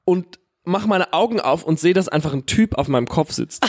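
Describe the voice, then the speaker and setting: Slangy man telling a story. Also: high voice. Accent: Palatinate German. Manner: animated, slangy, full of fillers. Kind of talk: casual storytelling chat.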